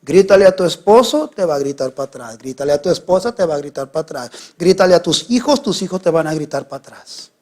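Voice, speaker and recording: A middle-aged male pastor, preaching a sermon. He swings from hushed, quiet lines to sudden loud, raised ones. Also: on the high side, expressive, fast, hardly any pauses.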